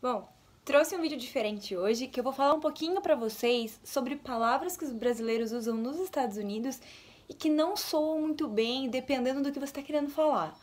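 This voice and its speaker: A young woman with a Brazilian Portuguese accent hosts a casual teaching vlog. She talks in a chatty way and sits a little high in her range. She breaks off now and then to give quick examples. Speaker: English tips vlogger.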